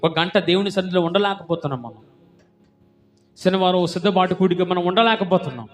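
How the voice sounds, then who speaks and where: A man's voice: sits high, fairly quick. A man preaching a sermon as pastor, fervent and emphatic, firing rhetorical questions at the congregation and repeating words for emphasis.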